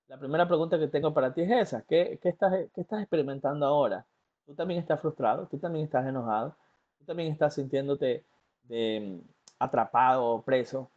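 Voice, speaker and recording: Guy coaching, earnest, talks right at you, lots of ums, mellow tone, kinda dull lo-fi audio. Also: mid-range voice. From Ecuador. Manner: earnest, speaks directly to the listener, with frequent fillers and restarts. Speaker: life coach. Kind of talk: motivational talk.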